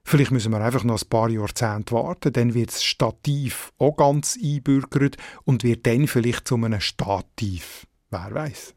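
A man's voice: medium pitch, moderate pace, hardly any pauses, dark tone, dry recording. A man with a Swiss German accent, a radio dialect editor, patiently and methodically explaining word stress to listeners in a studio.

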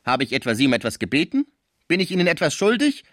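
A man voicing a proud, poor male theater servant who talks in a raised, high-pitched, emphatic way. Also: huge pitch swings, fast, fairly bright tone, no room sound, clean studio sound. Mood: indignant.

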